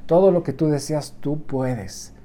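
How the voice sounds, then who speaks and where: A man's voice: a little high, unhurried, mellow. A Mexican man talking casually and encouragingly to his viewers, often tagging his sentences with a questioning "right?". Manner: keeps adding a questioning "right?" tag; encouraging, talks straight to the viewer. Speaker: motivational vlogger. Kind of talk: casual motivational monologue.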